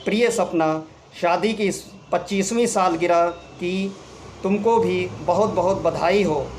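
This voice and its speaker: A loving, sentimental middle-aged husband in an audio story, voiced by a man. He speaks slowly and tenderly in a fairly high voice. A faint noise runs under the recording. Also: a little mellow. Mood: affectionate. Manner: tender, pleading.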